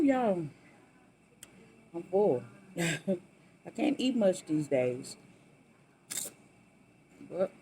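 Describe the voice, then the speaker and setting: A mukbang host talks casually while eating. The delivery is unhurried and the tone mellow, with savoring hums and stretched-out words between bites. Steady background noise sits behind the voice. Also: medium pitch, poor audio.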